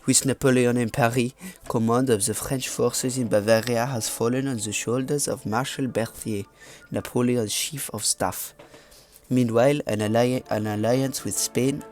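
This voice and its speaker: A man's voice: mid-range voice, fairly even intonation, moderate pace, a little mellow, lightly acted. A man putting on a mock French accent to read a game story. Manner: hammy, stumbling over words while reading aloud.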